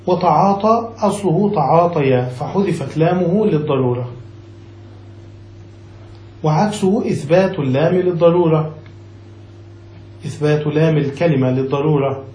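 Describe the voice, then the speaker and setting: A man's voice: on the high side, moderate pace, long pauses, mellow, echoey room, poor audio. A man, a sheikh, teaching a classical grammar text, reading a passage and then explaining it, often checking whether his students follow.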